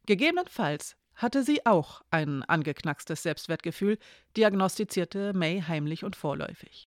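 A calm audiobook narrator reading a novel in an even, steady manner. The sound is dry and close, with no room around it, and the pitch sits in a middle range. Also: normal speed, no echo.

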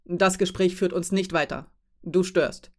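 A woman reading an audiobook voices a huge, calm female ship captain who gives orders in a factual, firm tone. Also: lowish voice, a little slow. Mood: calm, commanding. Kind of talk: audiobook character voice.

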